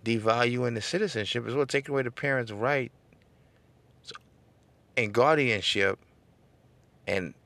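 A middle-aged podcast host with a smooth, fairly bright mid-range voice delivers a casual political monologue at a measured pace with long pauses. He addresses listeners directly, seeking call-and-response as he builds into an emphatic, preacher-like cadence.

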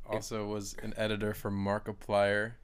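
Smooth low-voiced young man on a podcast. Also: completely flat delivery, moderate pace. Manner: blunt, dry jokes, laughs often. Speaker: podcast co-host. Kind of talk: casual chat.

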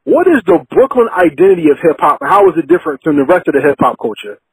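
A man interviewing a guest in a conversational, reflective way, deliberately building up to his questions. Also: a little high, big pitch swings, breathy edge, no echo, low-quality recording.

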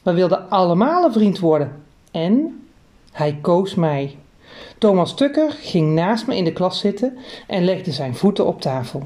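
Mellow woman reading a children's story. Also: fairly low pitch, measured pace. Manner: lively, expressive reading. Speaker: narrator. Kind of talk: scripted storybook narration.

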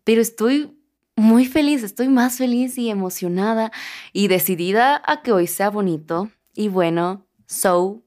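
A young woman with a Mexican accent hosting a casual solo podcast, effusive and bubbly, often laughing and swinging between excitement and calm. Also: medium pitch, measured pace. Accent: Mexican Spanish. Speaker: podcast host.

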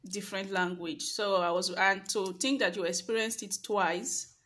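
A Nigerian woman from Edo State, hosting a casual interview and reflecting calmly on her guest's story. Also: mid-range voice, normal speed. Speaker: interview host.

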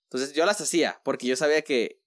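A man's voice: mid-range voice, fast, dry recording, studio quality. A man with a Mexican accent, telling a story in casual, slangy chat. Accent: Mexican Spanish.

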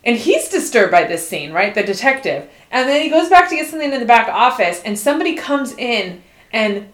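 A woman's voice: fairly high pitch, big pitch swings, fairly quick, fairly bright tone. A woman in her thirties co-hosting a casual chat, blunt and opinionated, swearing offhand. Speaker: podcast co-host. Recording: echoey room.

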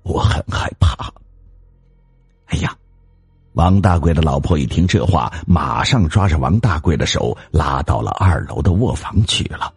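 Deep gravelly male storyteller. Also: normal speed, hardly any pauses, dry recording, studio quality, soft background music. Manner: expressive, dramatic. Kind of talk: scripted narration of a ghost story.

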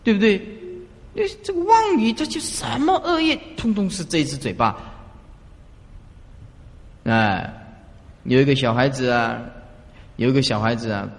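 A man's voice: mid-range voice, very animated, moderate pace, pauses often. A man giving an earnest Buddhist dharma talk as a teacher, exhorting his listeners and asking rhetorical questions. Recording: long reverb of a large hall.

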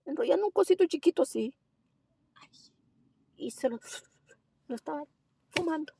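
A woman who works as a driving instructor, telling a story in a casual interview, animated and slipping English phrases into her Spanish. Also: high-pitched, moderate pace, creaky, background noise.

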